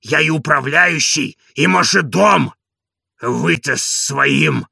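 A man voicing a hoarse, devoted old servant in an audiobook, indignant and boastful. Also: a little high, slow pace, sharp tone, no echo, studio quality, heavily acted. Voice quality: gravelly, hoarse.

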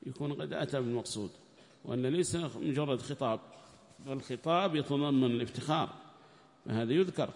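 A man teaching a lecture on scripture commentary. He reads the text aloud loudly, explains it more quietly, and quizzes his students. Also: medium pitch, brisk. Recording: long reverberant hall.

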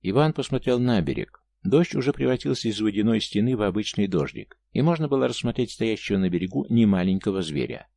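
A man's voice: lowish voice, expressive, quick pace, vocal fry, few pauses, mellow, no room sound. A man reading a fantasy story aloud as a narrator, voicing the characters as he goes. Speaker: audiobook narrator. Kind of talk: scripted narration with character voices.

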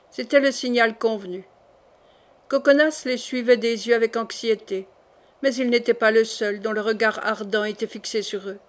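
A woman narrating a classic novel as an audiobook, in an even, measured storytelling voice. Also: on the high side.

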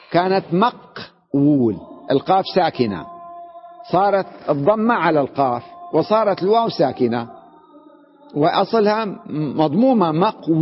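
A sheikh teaches an Arabic grammar lesson in a husky, slightly high voice, asking the class questions, answering them himself and repeating words to drive each point home. The recording sounds dull and lo-fi, with a long hall reverb.

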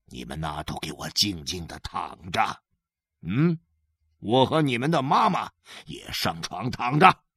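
A man reading aloud as a hungry, gruff working-class father with a coarse, drawling way of talking. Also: fairly low pitch, very animated, a little slow, fairly bright tone, no room sound, studio quality, pitched below the performer's own voice, full character voice. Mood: gruff weary.

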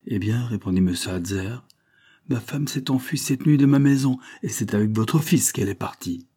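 A man reading the part of a cold, vengeful middle-aged doctor who speaks with calm, implacable menace. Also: medium pitch, moderate pace, slightly rough, lightly acted. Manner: calm, implacable, solemn threats.

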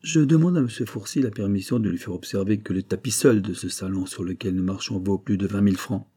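A man with a husky voice voicing a calm, gently polite police commissioner in an audiobook. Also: on the low side, brisk.

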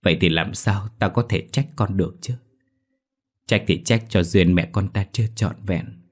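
A man's voice: deep voice, normal speed. A man voicing an older grieving mother who speaks tenderly, choked with tears, in a ghost story.

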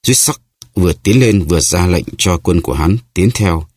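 A man narrating an audiobook novel in a steady storytelling manner. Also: sits low, normal speed, husky, dry recording, clean studio sound. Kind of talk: scripted narration.

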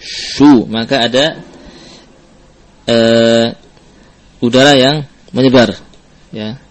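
A man's voice: medium pitch, fairly even intonation, moderate pace. A man teaching Quran recitation who explains each sound and drills it over and over, mixing in Arabic terms. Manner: patient, demonstrates letter sounds over and over. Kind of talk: tajwid lesson with drills.

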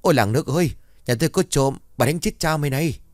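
A man's voice: medium pitch, animated, fairly quick, dry recording, studio quality, voice pushed up, close to an everyday voice. A man voicing a fierce, burly village wife who shrieks and scolds in a raised voice. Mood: shrieking.

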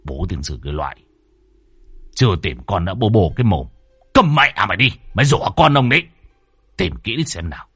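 A man voicing a gruff, short-tempered village father who scolds his wife in curt, rough words. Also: low voice, sing-song, brisk, long pauses, fairly bright tone, no echo, soft background music, heavily acted. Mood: scolding.

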